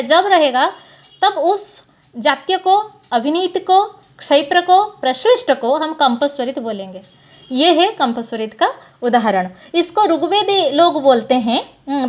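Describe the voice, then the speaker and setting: A woman teacher giving an exam coaching lecture, explaining step by step and slowly reciting Sanskrit verses. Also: high voice. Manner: explains step by step, drilling lists.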